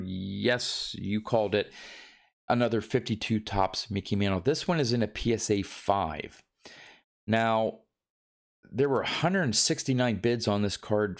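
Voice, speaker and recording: Low-voiced man doing a casual top ten countdown. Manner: conversational, unscripted, hesitant while thinking aloud. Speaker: presenter of a collectibles countdown.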